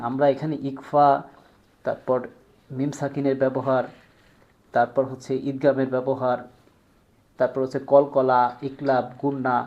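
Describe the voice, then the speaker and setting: A man's voice: medium pitch, darkish tone, dull audio. Man demoing a product. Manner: explains step by step, drawing out example words slowly. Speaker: seller demonstrating a product. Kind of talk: product demonstration.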